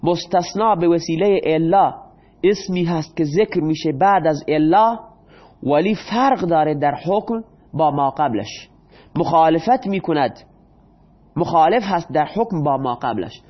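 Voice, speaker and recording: A male teacher who explains grammar in Persian, asks his students questions and answers them himself, and reads the example sentences slowly. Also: fairly high pitch, animated, muffled recording.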